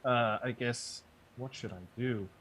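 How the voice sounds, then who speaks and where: Man, guest on webcast, relaxed demo talk, lots of uhs, sits back from the mic. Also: medium pitch, a little slow, slight background noise. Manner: relaxed, hesitant, many uhs. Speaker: guest software developer and producer. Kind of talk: casual explanation and demo. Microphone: video call, sits back from mic.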